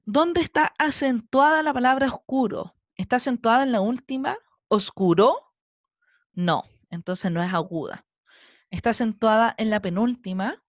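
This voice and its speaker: Chilean woman teacher, slow patient explainer, dry close lo-fi voice-over. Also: fairly high pitch, no room sound. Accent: Chilean Spanish. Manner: slow, patient, counting syllables aloud step by step. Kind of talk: recorded online class lesson.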